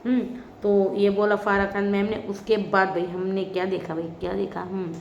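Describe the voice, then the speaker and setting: A woman's voice: medium pitch, flat delivery, moderate pace, vocal fry, a little hiss or hum. A woman giving a casual, opinionated spoken review of a reality show, talking straight to her viewers. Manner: chatty, opinionated, addresses viewers directly. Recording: roomy, slightly dull recording.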